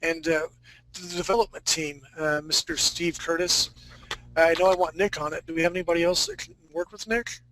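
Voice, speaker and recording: A man's voice: fairly high pitch, fairly even intonation, fairly quick, bright, forceful tone, a little hiss or hum, poor audio. A man hosting a live online art class in a casual, enthusiastic and joking way. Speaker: class host and instructor.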